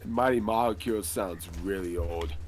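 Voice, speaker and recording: A man's voice: low-pitched, normal speed, a little mellow, lightly acted. A man playing a rambling veteran magic hero. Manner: rambling, hesitant, full of filler words. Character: boastful veteran male magic hero, middle-aged. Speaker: interview guest. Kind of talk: improvised role-play podcast interview.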